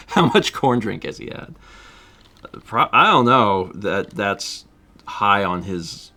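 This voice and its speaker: A streamer with a lowish, sharp-toned voice chats casually on his livestream. He laughs often and reads out viewer donations.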